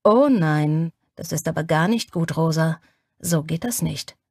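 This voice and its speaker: A woman reading as a stern, commanding man, his voice pushed lower and slower than the narration, husky and close. He gives orders with quiet authority in a dry audiobook reading. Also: dry recording, exaggerated voice. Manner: slow, low and authoritative.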